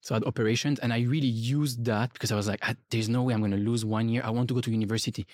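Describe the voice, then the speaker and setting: Casting: male podcast host, mid-pitched, eager interviewer, close dry studio sound. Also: fairly even intonation, racing, a little mellow, no echo. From Switzerland. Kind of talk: interview conversation.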